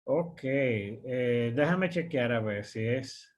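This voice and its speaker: A man's voice: medium pitch, lively intonation, slow pace, a little hiss or hum. A man, teaching an online course as a screen-share tutorial, explaining step by step with fillers and frequent "verdad?" checks.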